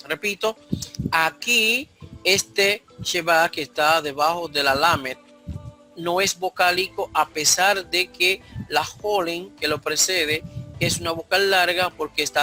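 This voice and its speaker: Patient male language teacher, slow deliberate delivery, high pitch. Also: pushed and bright. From Dominican Republic. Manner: slow, explanatory, repeats key points. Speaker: Hebrew teacher. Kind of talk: online grammar lesson.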